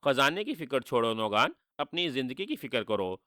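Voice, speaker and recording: A man voicing a cunning, sharp-tongued male trickster hero who answers with sarcastic insults, in a storybook reading. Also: mid-range voice, big pitch swings, normal speed, no echo, studio quality.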